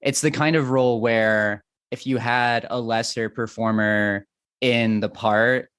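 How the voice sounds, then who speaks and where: A man talks eagerly about a film as a podcast guest, laughing easily along the way. His voice sits in a middle pitch and sounds dry and close to the mic. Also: steady tone, a little slow, a bit bright, clear, resonant tone, no room sound. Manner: eager, chatty, laughs often. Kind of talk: casual film discussion.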